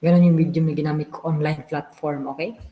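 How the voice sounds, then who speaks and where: A man's voice: a little high, little pitch movement, a little fast, muffled recording. Man teaching in a reverberant room. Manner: Taglish code-switching, teasing rhetorical questions. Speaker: exam review lecturer. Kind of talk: online review class lecture. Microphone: video call.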